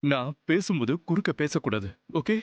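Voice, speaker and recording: An actor voicing a caring, protective father figure who speaks gently and mixes English phrases into a dubbed TV serial. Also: on the high side, big pitch swings, normal speed, highs cut off. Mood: worried. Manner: gentle, coaxing, mixing English phrases into Tamil. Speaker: dubbing actor. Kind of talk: Tamil TV serial dub. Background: serial background music.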